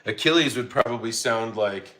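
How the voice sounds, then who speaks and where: A man's voice: medium pitch, normal speed, fairly bright tone. A middle-aged man chatting casually on a home livestream, reading chat aloud and laughing easily. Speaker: livestream host. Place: home, feeding dogs.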